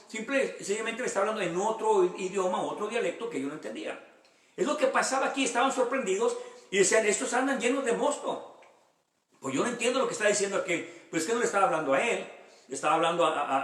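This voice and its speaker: Male pastor, conversational Bible teacher, high voice, roomy distant recording. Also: a bit bright. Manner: reads verses aloud, then explains them with personal anecdotes; conversational, many rhetorical questions. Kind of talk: Bible study sermon. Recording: echoey room, voice from far off the mic.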